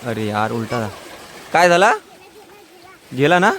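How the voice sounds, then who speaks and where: A man's voice: medium pitch, lively intonation, measured pace, fairly bright tone. A young man from Konkan, coaxing a child through short, repeated instructions outdoors by a stream. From Konkan, India. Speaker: vlogger teaching a child. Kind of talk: casual outdoor vlog.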